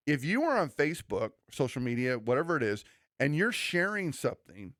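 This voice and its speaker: Sing-song and brisk, this medium-pitched, somewhat bright pastor co-hosts a church podcast. He is earnest and preachy in a conversational way, often restarting and acting out quoted remarks, and the studio sound is clean without room echo.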